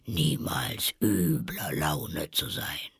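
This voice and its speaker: A woman's voice: extremely low pitch, extremely slow, gravelly, slightly rough, no room sound, heavily acted. A woman voicing a fussy, preachy old grandmother toad in an audiobook, in a whispery voice.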